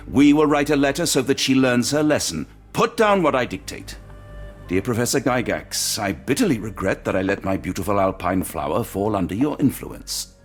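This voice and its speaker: A man with a lowish voice plays a video game's English doctor who is earnest and weary, speaking politely and in a measured way with a dry, wry streak.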